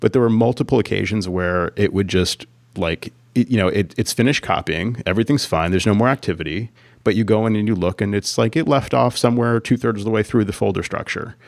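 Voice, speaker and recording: Speaking briskly in a lowish, creaky voice, this Apple consultant and podcast co-host rambles through a lengthy story about work. Fillers and restarts pile up throughout the casual conversation, captured in a dry recording.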